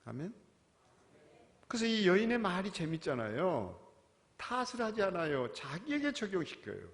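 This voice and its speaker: A male pastor preaching a sermon, swinging from quiet, questioning asides to loud, impassioned cries. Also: high-pitched, wildly swooping pitch, normal speed. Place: church sanctuary. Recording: long reverb of a church hall.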